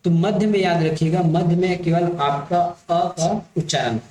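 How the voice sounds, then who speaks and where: A man's voice: fairly high pitch, fairly even intonation, darkish tone, slight background noise. A man teaching grammar in an echoey room. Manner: explains slowly, repeats points and keeps checking with listeners. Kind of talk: exam-prep grammar lesson.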